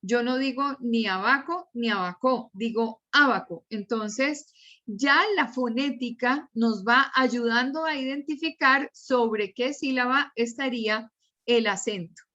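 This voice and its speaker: Slow-speaking woman teacher. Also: a little high, a bit bright, highs cut off. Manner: patient, repeats and spells out examples. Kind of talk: slow, explanatory class lecture.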